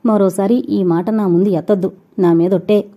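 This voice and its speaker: A woman's voice: medium pitch, steady tone, moderate pace, mellow, natural voice. A woman playing a stern, indignant widowed mother. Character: proud widowed mother, older than her suitor. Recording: dull lo-fi recording.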